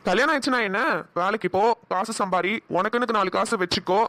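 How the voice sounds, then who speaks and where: A man acting a caring, protective young man in a short family drama, giving firm advice and speaking gently to loved ones. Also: high-pitched, fast talker, slight background noise. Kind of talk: Tamil short-film dialogue acting.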